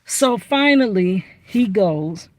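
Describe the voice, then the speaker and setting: A woman talks to camera from her car, sharing a story in a casual, animated way with many asides. Her voice is medium-pitched, expressive, and darkish in tone, and she speaks slowly.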